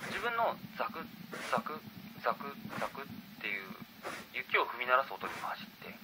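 A man telling a true ghost story, swinging from hushed murmurs to loud bursts, with dramatic pauses and sound effects. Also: medium pitch, noisy background.

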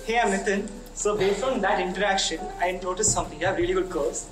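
High-voiced cheeky man in an echoey clip. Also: fast, over a noisy crowd. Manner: cheeky, teasing pickup lines. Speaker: street interviewer on a dating show. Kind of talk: playful flirting banter. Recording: echoey clip with loud music.

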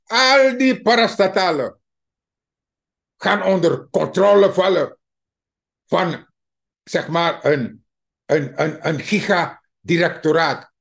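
A man's voice: sits high, creaky, a bit bright. A man with a Surinamese Dutch accent giving a mocking, emphatic political commentary to his viewers. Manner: slow, mocking, emphatic, addresses viewers as dear friends. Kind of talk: opinion commentary monologue.

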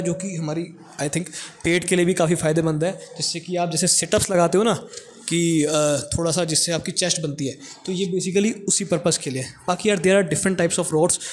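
Chatty young man touring a gym. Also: a little high. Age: young adult. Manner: chatty, joking, addresses viewers directly. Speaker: vlogger giving a gym tour. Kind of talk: casual walking tour vlog. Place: indoor college gym, medium-sized room. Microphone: clip-on lapel mic.

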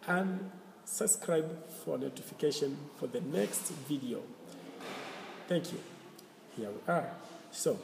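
A man teaching a slow language lesson, repeating and spelling out words letter by letter. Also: medium pitch, creaky, background noise. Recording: roomy echo with faint ambience.

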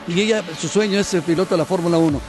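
Talking very fast in a high-pitched voice, a middle-aged host with a Mexican Spanish accent leads an enthusiastic, exclamation-filled TV sports interview outdoors near a fountain. He uses a handheld mic, and music runs under the voices.

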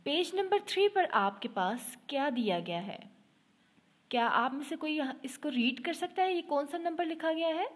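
A woman teaching young students in an online class, moving her fairly high voice up and down a lot. She speaks slowly with a slightly husky tone and mixes English words into her lesson. She keeps repeating herself and checking that everyone is following. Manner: slow and patient, repeating and checking with "ठीक है"; mixes English with Urdu-Hindi.

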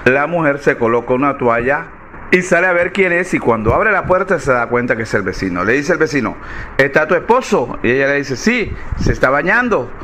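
A man's voice: mid-range voice, animated, brisk, pushed and bright, a little hiss or hum. A man telling a string of jokes as a storyteller, shifting into voices for the characters. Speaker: joke teller.

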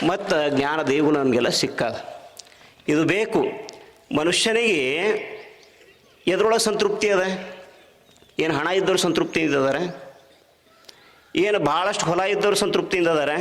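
Man preaching in a North Karnataka Kannada accent, folksy storytelling sermon, fond of rhetorical questions, a touch high-pitched, long hall echo. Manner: asks the crowd rhetorical questions. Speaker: preacher at a spiritual discourse. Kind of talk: devotional sermon with folk storytelling.

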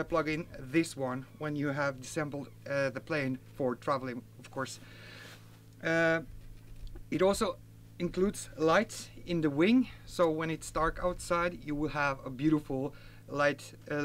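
There's a little hiss or hum under this slightly high male voice. The speaker, a forty-something RC hobby reviewer whose native language is Norwegian, unboxes and reviews a model plane in a garden, chatting casually and filling his speech with fillers and self-corrections.

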